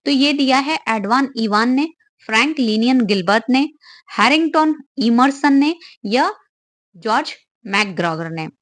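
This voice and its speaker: Woman tutor, bit high voice, dry close mic, walks through exam questions herself. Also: animated, a little slow, a bit bright, dry recording. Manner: explains step by step, asks and answers questions. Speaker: exam-prep teacher. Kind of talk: online exam-prep lecture.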